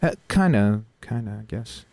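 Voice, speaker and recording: A man hosting a stream, commenting on his game in an excitable, joking way. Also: on the low side, normal speed. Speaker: host playing a game on stream. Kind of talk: casual chat.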